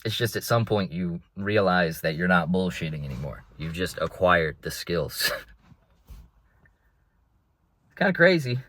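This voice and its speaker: A man's voice: sits low, very animated, takes it slowly, long pauses, fairly bright tone. A young man vlogging from inside a car, rambling in a laid-back way and calling his listeners bro. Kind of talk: casual rambling monologue.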